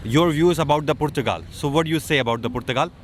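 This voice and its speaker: A man's voice: on the high side, extremely slow, a little hiss or hum. A man, a travel vlogger chatting eagerly with people outdoors by a beach. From Pakistan. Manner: friendly, chatty, eager questioner. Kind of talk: casual street interview and chat.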